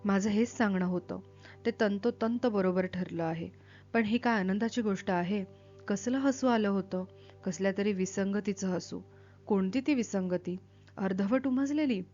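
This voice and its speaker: A woman voicing a brooding, inwardly torn male schoolteacher in a read-aloud story, speaking low and questioning himself. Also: unhurried, darkish tone, natural voice. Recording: dull lo-fi with faint music.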